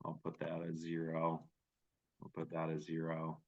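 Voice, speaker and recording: A man hosting a webinar and demoing software, casual and conversational. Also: very deep voice, completely flat delivery, moderate pace, creaky. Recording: dull lo-fi audio.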